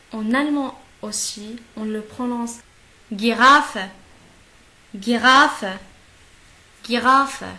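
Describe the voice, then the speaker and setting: A woman teaching a language lesson with a fairly high voice. She talks very slowly and deliberately, saying each example word several times over and stopping often to check that her listener understands. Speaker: German teacher. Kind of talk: slow classroom-style language lesson.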